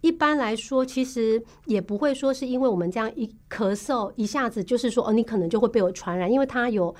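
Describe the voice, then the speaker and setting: A woman with a Taiwanese Mandarin accent who works as a tuberculosis case manager, explaining her work patiently in a podcast interview, pausing often on fillers. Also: on the high side, a little mellow. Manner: patient, explanatory, measured with frequent filler pauses.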